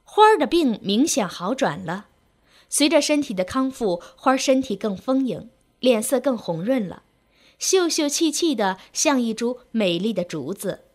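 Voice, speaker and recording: A woman's voice: on the high side, expressive, moderate pace, darkish tone. A woman reading a sentimental story aloud in an emotive storytelling manner.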